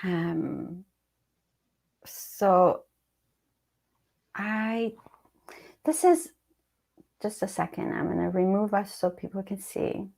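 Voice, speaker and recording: Woman host on a live video talk show, talks slow, raspy fry in her voice, lots of ums. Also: mid-range voice. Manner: warm and encouraging, with many fillers.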